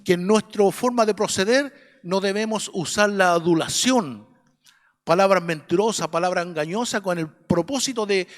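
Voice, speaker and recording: Heard in a large hall, a high-voiced man with a Chilean accent teaches an adult Sunday school class in a church classroom. He is earnest and preachy, regularly checking that his listeners are with him.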